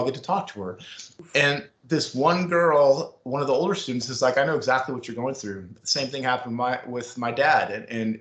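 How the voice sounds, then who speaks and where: A middle-aged man telling a long story in an interview, acting out what people said. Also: medium pitch. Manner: animated storyteller acting out quotes. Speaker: former school staff member, guest. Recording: roomy echo.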